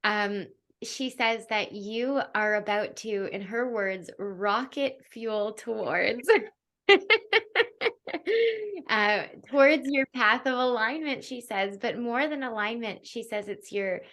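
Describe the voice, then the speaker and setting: A young woman hosts a podcast and gives a spiritual guidance reading in a relaxed, chatty way. Her speech is full of fillers and small laughs. She often drops into a soft, hushed voice while she describes what she sees. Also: a little high, slow pace. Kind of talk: casual podcast chat and intuitive reading.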